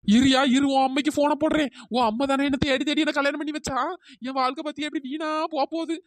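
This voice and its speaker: A squeaky, high-pitched cartoon wife, as a voice actor plays her, rattling off accusations at a quick clip. She is suspicious, bossy and melodramatic, with a pitch-shifted cartoon tone. The sound is dry and close. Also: steady tone, no room sound. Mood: scolding. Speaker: cartoon character. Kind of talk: comic cartoon dialogue.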